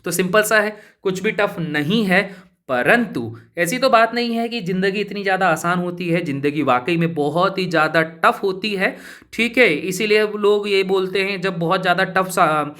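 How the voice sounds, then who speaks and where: With a sharp tone and lively intonation, a high-pitched man works through a chemistry lesson at a moderate pace. He keeps it casual, asking his students questions he then answers himself and repeatedly calling them brother and buddy.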